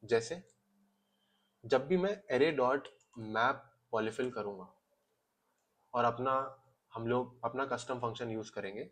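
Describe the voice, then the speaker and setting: Male coding tutor, mid-pitched, steady step-by-step explainer, Hindi with English terms. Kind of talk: casual screen-recorded coding lesson.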